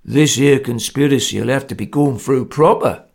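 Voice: medium pitch, normal speed, creaky, a little mellow, slightly rough. A narrator voicing a blunt, menacing ringleader who bullies a weaker man, in a storybook reading. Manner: grim, blunt, bullying. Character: tough, menacing Cockney ringleader.

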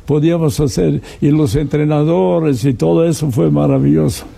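An older man from Serbia being interviewed, speaking halting Spanish with many fillers and restarts. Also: a little high, steady tone, vocal fry, mellow, husky. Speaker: interview guest. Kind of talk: conversational interview.

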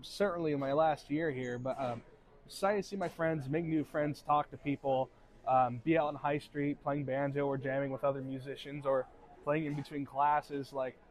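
A young man, a senior student, answering a street interview in a halting way with many fillers. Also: medium pitch, steady tone. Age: young adult. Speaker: university student.

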